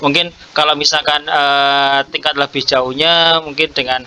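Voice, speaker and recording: A man's voice: fairly high pitch, level tone, measured pace, pushed and bright, smooth. A man, coaching a fellow teacher in a hesitant, encouraging way, with many fillers. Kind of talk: coaching conversation practice.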